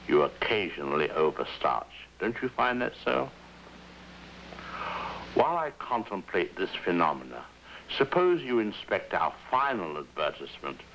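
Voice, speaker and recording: A man hosting a television show in a dry, deadpan and formally droll manner, heard through an old 1950s television broadcast with a faint hum. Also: lowish voice, rough recording. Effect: old 1950s television broadcast sound with faint hiss and hum. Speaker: television host. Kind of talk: scripted wry host introductions.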